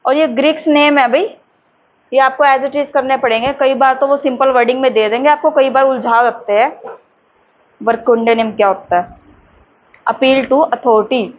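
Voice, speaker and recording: A woman teacher, lecturing a class and slowly dictating terms for notes in a chatty way. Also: sits high, steady tone. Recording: dull lo-fi with faint background noise.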